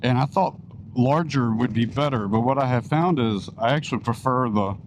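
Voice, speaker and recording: A man's voice: mid-range voice, normal speed. A man chatting casually as a motorcycle vlogger while riding, his voice enclosed inside a helmet. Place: outdoors, riding a motorcycle on country back roads. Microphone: microphone inside a helmet. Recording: wind and engine noise, helmet mic.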